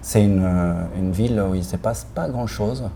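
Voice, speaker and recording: A low, gravelly Argentine man, Spanish his first tongue, talking in an unhurried, hesitant way with frequent restarts and short laughs. His tone is dark and mellow. Faint ambient noise sits behind him. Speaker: film director. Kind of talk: casual interview answers.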